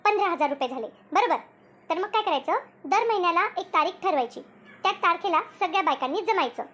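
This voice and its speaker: A woman's voice: very high voice, lively intonation, quick pace, a bit bright. Shantabai, a woman-voiced bossy cartoon villager. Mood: explaining. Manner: explains at length, bossy. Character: bossy chatty village woman, group leader. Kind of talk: cartoon voice acting.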